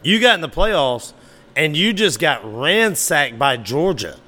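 A man's voice: fairly high pitch, very animated, unhurried, pushed and bright. A man hosting a solo sports podcast, talking casually and animatedly, sometimes arguing back at imagined listeners. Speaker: podcast host.

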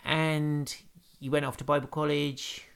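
A man's voice: fairly high pitch, level tone, unhurried, gravelly, fairly bright tone, clean tone. Affirming man reminiscing about a friendship. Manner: affirming, encouraging. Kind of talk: casual faith conversation.

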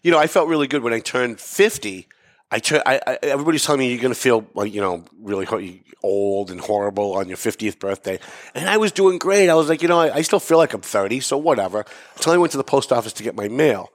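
A man in his fifties hosts a relaxed interview chat. He asks long, rambling questions and makes self-mocking jokes along the way. His voice sits at an ordinary middle pitch. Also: fast talker. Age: 50s. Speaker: host. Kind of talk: casual interview talk.

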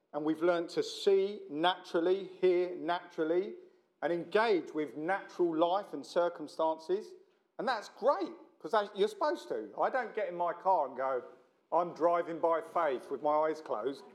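A middle-aged man with a South London accent gives an informal sermon as a visiting preacher. His voice sits a little high for a man. He talks in a chatty, blokey, self-deprecating style, joking with his listeners. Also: lively intonation, a little slow, a little mellow. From South London, England. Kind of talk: informal sermon to a church meeting.

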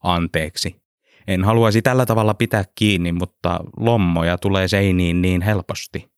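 A man voicing a gentle, polite male character in a storybook reading, speaking quickly and apologetically. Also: low-pitched, fairly even intonation, clear, resonant tone, no echo, studio quality, natural voice. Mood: apologetic.

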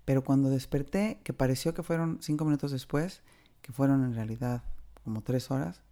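A woman's voice: extremely low pitch, fairly quick, dark tone. A woman with a Mexican Spanish accent, casually and candidly telling a personal story, acting out the dialogue with slangy flair. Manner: chatty and candid, slangy, acts out dialogue with shifting voices.

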